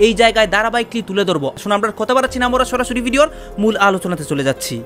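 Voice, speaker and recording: A man hosting an online news channel, greeting viewers and briskly introducing the story. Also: high-pitched, fairly bright tone, faint music behind. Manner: brisk, repeatedly addresses viewers.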